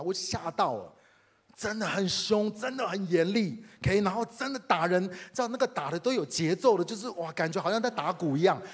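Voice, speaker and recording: In an animated sermon, a man from Taiwan shares a personal story and speaks right to his congregation in a Taiwanese Mandarin accent. His voice sits high and sounds slightly rough.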